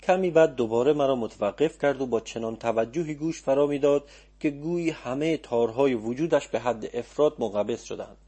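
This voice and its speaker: A man narrates a story for an audiobook, calm and measured. His voice is mellow and warm with a husky edge. His pitch sits in a typical middle range.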